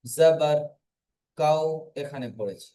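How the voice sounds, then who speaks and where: Slow, patient male reading teacher. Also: on the high side, dark tone, poor audio. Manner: slow, patient, drills letters aloud and has students repeat. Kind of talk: online class teaching.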